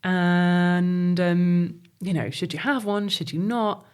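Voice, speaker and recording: A woman's voice: lowish voice, fairly even intonation, slow, a little mellow, clean tone. A woman chatting casually and informally as an interviewer and co-presenter. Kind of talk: casual chat.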